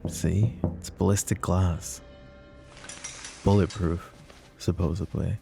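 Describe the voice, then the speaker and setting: A man voice-acts a brooding mafia boss in a boyfriend ASMR roleplay, using a very low, gravelly voice that is possessive and sardonic yet protective. He speaks intimately and darkly, slowly and with fairly even intonation, in a heavily acted, tense mood, with faint music underneath.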